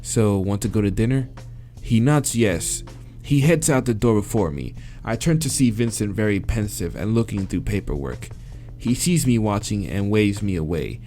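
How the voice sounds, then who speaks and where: A man's voice: fairly low pitch, expressive, normal speed, dark tone. A man reading a visual novel aloud, breaking off to swear and laugh, with game music behind. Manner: swears and laughs between read lines. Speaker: let's play reader.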